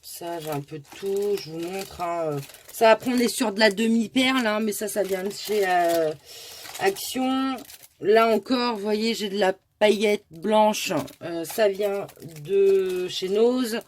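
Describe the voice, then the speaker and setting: A woman's voice: mid-range voice, a little slow, slight background noise. A woman hosting a casual craft tutorial, explaining step by step in a chatty way with many asides. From France.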